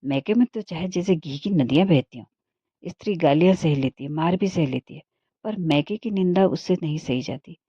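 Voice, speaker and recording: Woman reading as a rude young village man, sharp and scolding, low-pitched voice, dull dry recording. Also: expressive, husky, no echo. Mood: angry, scolding. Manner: sharp, scolding, quick to anger.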